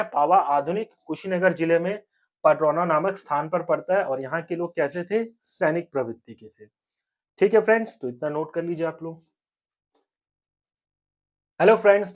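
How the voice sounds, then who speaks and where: A young man's slightly high voice runs an exam-prep history lesson. He keeps asking quick questions and answering them himself, repeats the key points, and checks in with his listeners every few lines. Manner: repetitive, asks and answers own questions; frequent 'theek hai friends' check-ins. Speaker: teacher.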